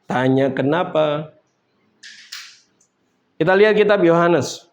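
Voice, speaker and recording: A man's voice: on the high side, slow. A man preaching a sermon in a casual, conversational way, building up to emphatic points. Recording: dull lo-fi sound.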